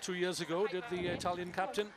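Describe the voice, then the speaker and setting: High-voiced male match commentator over loud crowd. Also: level tone, quick pace. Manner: chatty, anecdotal, fond of background details. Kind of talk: live sports commentary. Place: outdoor stadium.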